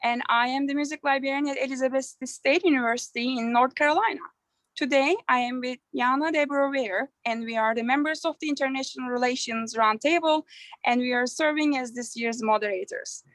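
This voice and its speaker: A woman with a high voice opens a conference session as moderator. She reads in a clear, formal way. The sound is dry, with no room echo. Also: fairly even intonation, brisk, a bit bright. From Turkey. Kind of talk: scripted conference welcome.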